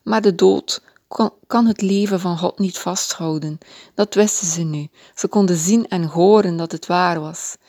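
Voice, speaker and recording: A woman reading a children's Bible story aloud in a gentle, expressive way. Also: fairly low pitch, unhurried, dry recording, studio quality.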